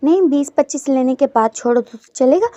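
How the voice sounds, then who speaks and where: A woman's voice: sits high, animated, a little fast, warm tone, dry recording. A woman voicing a playful young man who pleads with and teases his angry lover. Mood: coaxing. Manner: pleading, teasing tone. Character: coaxing young man, playful boss's son. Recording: dull lo-fi dry recording.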